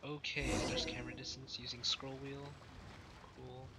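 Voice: mid-range voice, level tone, moderate pace, heavy background noise. A young adult gaming host giving casual let's play commentary. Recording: loud game music behind. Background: game music.

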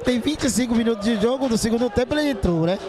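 A man's voice: very high-pitched, expressive, quick pace. A man with a Bahian accent reporting live on a football match from an outdoor ground. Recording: clear stadium crowd noise.

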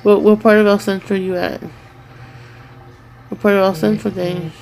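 A woman's voice: medium pitch, level tone, normal speed, creaky, darkish tone. A woman in casual chat, teasingly prodding a sleep-talking partner with repeated questions. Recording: noisy home recording.

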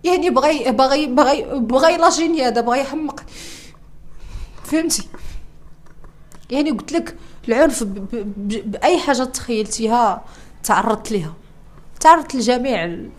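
Speaking at a normal speed with long pauses, the young woman uses a high, animated voice and a Moroccan Arabic accent. As an interviewee, she tells an emotional, distressed personal story, going back over her words and restarting sentences.

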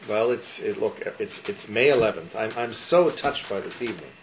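An older man, a concert sponsor and guest speaker, delivers a casual after-dinner talk to a seated crowd in a wood-panelled dining room. His low voice has lively intonation at a normal speed, and he rambles enthusiastically, restarting often. The room recording is noisy.

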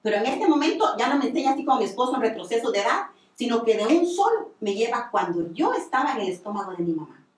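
A woman's voice: fairly high pitch, a little mellow. Earnest woman telling a testimony. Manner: earnest storytelling with many repetitions. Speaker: radio guest giving a testimony. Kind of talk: religious testimony. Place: radio studio. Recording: echoey room, distant mic.

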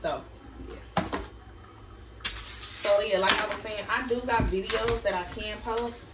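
A vlogger cooks in her small home kitchen and chats casually with viewers, calling them y'all, in a steady, measured, mid-range voice. A camera across the room picks up roomy audio and running water, making it very noisy.

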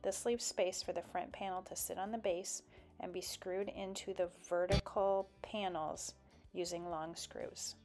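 A woman's voice: medium pitch, darkish tone. A woman narrating a step-by-step build tutorial in a plain, explanatory voice-over.

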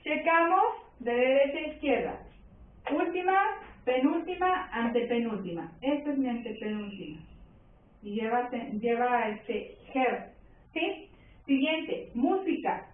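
A woman teacher with a Mexican accent, giving a slow, patient classroom lesson, stretching words and checking that her pupils follow. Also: fairly high pitch, lively intonation. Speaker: primary school teacher. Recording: roomy, distant, phone-like sound.

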